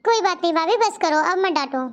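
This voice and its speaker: A woman doing a gentle cartoon sister-in-law. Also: extremely high pitch, lively intonation, fast, dull audio. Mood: soothing. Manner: gentle, soothing. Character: kind young sister-in-law, gentle peacemaker. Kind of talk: cartoon story voice acting.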